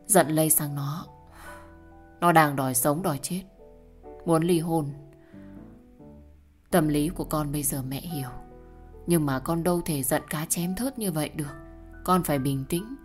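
Woman playing an aging mother, low, grieving, faint music behind. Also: a little slow, long pauses. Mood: soothing. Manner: soothing, then shocked and grieving. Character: worried aging mother comforting her daughter.

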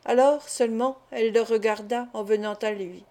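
Brief: female audiobook narrator, measured steady reading, fairly high mellow voice. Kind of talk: scripted narration of a classic novel.

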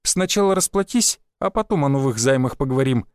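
A man's voice: medium pitch, expressive, a little fast, darkish tone, no echo, clean studio sound, close to an everyday voice. A man voicing a strict young barmaid of twenty who talks firmly but sweetly. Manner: strict, then shyly purring.

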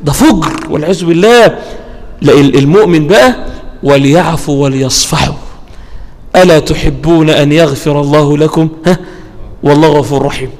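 A man preaching a sermon in colloquial Egyptian Arabic. He asks his listeners questions and answers them himself, and he recites scripture slowly. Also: fairly high pitch, a little mellow, big-room sound.

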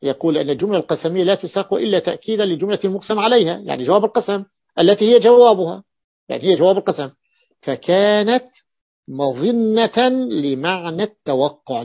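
A man teaching a grammar lesson, who repeats key phrases and asks and answers his own questions. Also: fairly high pitch. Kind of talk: classroom lesson explaining a text. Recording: dull lo-fi recording.

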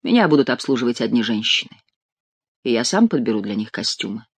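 A man's voice: mid-range voice, big pitch swings, a little fast, husky, no room sound, pitched below the performer's own voice. A man reading an audiobook, voicing a bored, fretful young male courtier with a peevish, complaining delivery.

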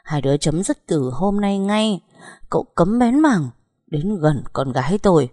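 A woman voicing an angry middle-aged mother, sharp scolding tone, dark low voice, dry close sound. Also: lively intonation, unhurried, no echo. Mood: furious.

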